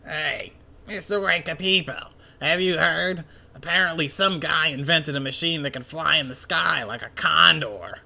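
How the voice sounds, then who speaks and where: A man putting on a gravelly, gross, jeering henchman. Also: on the high side, moderate pace, sharp tone, heavily acted. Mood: boastful. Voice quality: gravelly, coughing. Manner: needling, mocking, folksy drawl. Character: crude, snotty, gloating male henchman, adult. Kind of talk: manga read-along voice acting.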